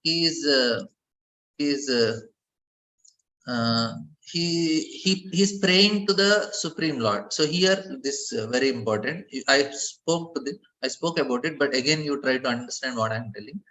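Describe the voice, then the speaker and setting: A man giving a scripture class, speaking haltingly, repeating words and chuckling, with chanted Sanskrit verses. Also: medium pitch, animated, sharp tone, low-quality recording. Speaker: spiritual teacher.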